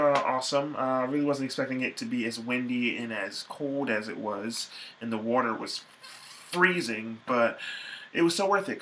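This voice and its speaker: A man's voice: medium pitch, a bit bright. A tired young man talking casually to camera in his small bedroom, chatty and playful as he hosts a band interview. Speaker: music vlogger interviewing a band. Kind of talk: casual vlog talk to camera. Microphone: camera mic at close range.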